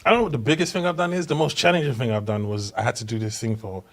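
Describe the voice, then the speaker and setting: A young comedian from Hackney, East London, guests on a relaxed podcast, telling anecdotes in a mid-range voice at a very fast clip. He's animated, laughing through his punchlines and acting out the voices he quotes.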